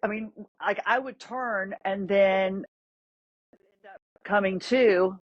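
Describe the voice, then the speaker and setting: A woman in her fifties hosting an interview, reacting with sympathy and asking quick follow-up questions. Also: medium pitch, fairly even intonation. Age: 50s. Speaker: host. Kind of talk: conversational interview. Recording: dry, dull lo-fi audio.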